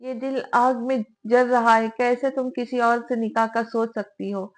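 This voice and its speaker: A woman's voice: fairly high pitch, steady tone, a little slow, lightly acted. A woman reading the lines of a teasing, possessive young husband in a romance audiobook. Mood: furious. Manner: teasing then fiercely possessive.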